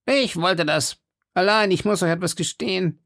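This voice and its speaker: A man's voice: high voice, moderate pace, a bit bright, no room sound, clean studio sound, voice pushed up. A man voicing a hearty, boastful musketeer in an audiobook reading, with a swaggering manner. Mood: jovial. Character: boastful, hearty male musketeer, bedridden, jovial.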